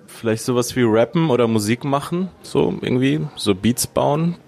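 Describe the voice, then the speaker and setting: A man's voice: mid-range voice, lively intonation, normal speed, creaky, darkish tone. A man interviewed as a guest, laid-back and a bit hesitant.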